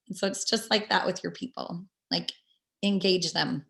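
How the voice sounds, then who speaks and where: A woman's voice: fairly low pitch, normal speed, gravelly, a bit bright. A woman talking casually and with energy as she leads a motivational team call over a video link, with many fillers. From California. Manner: upbeat, chatty, many fillers. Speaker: team leader.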